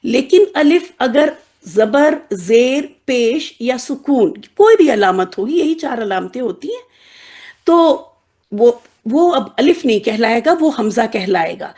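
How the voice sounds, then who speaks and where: A woman with a notably high voice teaches a classroom lesson on Arabic letters. She explains patiently, turns the letters into little characters, and keeps checking that her students follow along. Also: very animated, darkish tone. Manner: explains patiently with playful examples and frequent check-ins.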